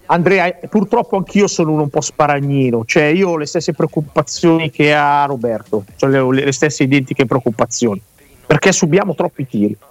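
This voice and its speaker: A man's voice: on the high side, lively intonation, moderate pace, no room sound. Rambling, self-mocking middle-aged man. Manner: self-deprecating, rambling, repeats himself. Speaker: pundit. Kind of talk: casual football chat.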